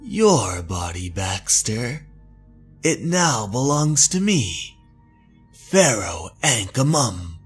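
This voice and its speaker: Man voicing a booming undead pharaoh spirit. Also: sing-song, extremely slow, soft background music. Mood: commanding, vengeful. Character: booming undead Egyptian pharaoh, commanding vengeful male spirit.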